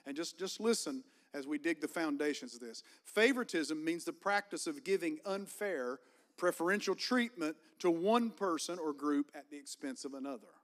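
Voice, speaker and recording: A man's voice: a little high, expressive, moderate pace, fairly bright tone. A male pastor from Virginia with a Southern Virginian accent, preaching a sermon in a church and calling for amens from the congregation. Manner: preaching with call-and-response, rising fervor. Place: church sanctuary.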